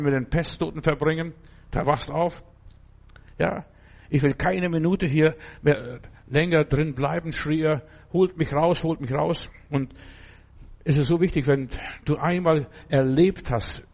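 A male preacher with a slightly high voice delivers a sermon. He speaks directly to his listeners, often checking that they follow, and acts out desperate calls for help with a lifted voice. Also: darkish tone. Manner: addresses listeners directly with frequent "ja?" and "verstehst du?"; acts out cries for help in a raised voice.

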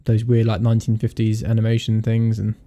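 A man's voice: lowish voice, monotone, brisk, warm tone. A man hosting a casual podcast chat, joking, laughing often and restarting his sentences. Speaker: podcast host.

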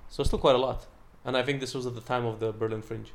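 Fast-talking rambling British man. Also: mid-range voice, steady tone, creaky. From Britain. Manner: rambling, fast, lots of fillers and restarts. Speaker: stand-up comedian. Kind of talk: casual chat.

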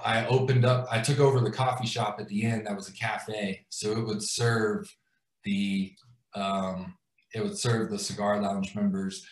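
A man's voice: medium pitch, recorded from a distance. 30s guy rambling through his story, lots of restarts, echoey room. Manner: rambling, many fillers and restarts. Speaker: guest host. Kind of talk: personal story on a live stream. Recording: roomy sound, away from the mic.

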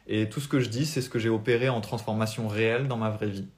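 A man's voice: lowish voice, steady tone, fast talker. A young French man with a French accent, a spiritual life coach giving an earnest, motivational talk on a live stream without notes.

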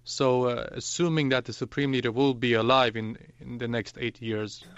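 A man from Iran answers remotely as an editor, analytical and deliberate. His voice is smooth and resonant. The line sounds dull and lo-fi, and the room is dry. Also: medium pitch, fairly even intonation, no echo. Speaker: news editor guest. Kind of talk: panel discussion answers. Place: remote location outside the studio.

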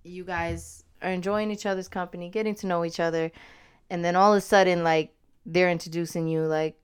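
A woman's voice: on the low side, fairly even intonation, brisk, smooth. A woman co-hosting a podcast in casual chat, matter-of-fact and steering the topics. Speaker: podcast co-host.

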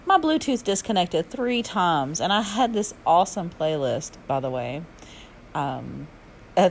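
A woman's voice: fairly low pitch, darkish tone, a little hiss or hum. A woman with a Southern US accent and drawl, hosting a chatty solo podcast in casual, slangy regional speech. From Alabama, southern United States. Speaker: podcast host and yoga and fitness teacher.

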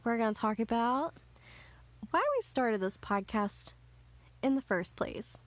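A woman's voice: fairly high pitch, very animated, unhurried. A woman in her thirties co-hosting a podcast, chatting in a giggly, confessional way. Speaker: podcast co-host. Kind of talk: casual chat.

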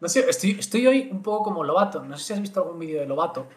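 Young galician guy on a podcast, kinda high voice, hyper and jokey, echoey room. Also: very fast. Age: young adult. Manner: animated, gestures a lot, jokey. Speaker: podcast co-host. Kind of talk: casual chat. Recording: roomy echo with faint music.

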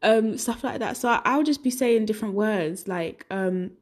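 A woman's voice: mid-range voice, normal speed. A young adult woman hosting a solo podcast, chatting casually and rambling, often laughing at herself. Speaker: podcast host.

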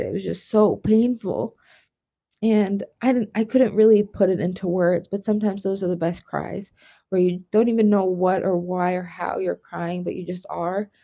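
A woman co-hosting a podcast, talking softly and reflectively in casual chat about a hard personal time. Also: mid-range voice, breathy edge. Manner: soft-spoken, emotional, reflective. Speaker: podcast co-host.

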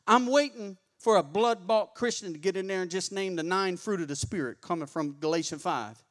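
A man's voice: high voice, brisk, a bit bright. A male pastor, preaching a sermon in a colloquial, call-and-response style.

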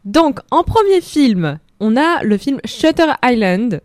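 A woman's voice: fairly high pitch, sing-song, takes it slowly, darkish tone, dry recording. An eighteen-year-old woman hosting a film segment on the radio, chatting casually in a playful, joking way from a studio microphone. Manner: playful, lightly joking while listing films.

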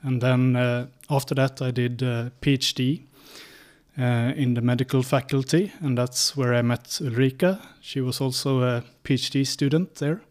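Swedish man in his thirties, native Swedish speaker, interview guest, methodical delivery, frequent filler pauses, mid-pitched voice. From Sweden. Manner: steady, methodical telling with many "uh" pauses. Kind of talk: casual interview answers.

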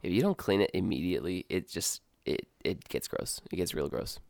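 A man's voice: sits low, lively intonation, brisk, creaky, a little mellow, no echo. A young man co-hosting a podcast, chatting loosely, calling his co-host dude and often restarting his sentences. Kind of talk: casual chat.

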